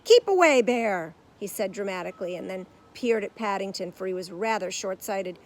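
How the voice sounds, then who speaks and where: A woman narrating a storybook aloud in a lively, expressive way. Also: mid-range voice, fairly quick, low-quality recording.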